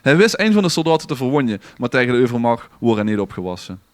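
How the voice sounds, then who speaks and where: Very animated and fast, this mid-range male voice comes through without echo. He's a podcast storyteller with a Limburgish Dutch accent, reading a scripted tale aloud in a dramatic, literary, theatrical way.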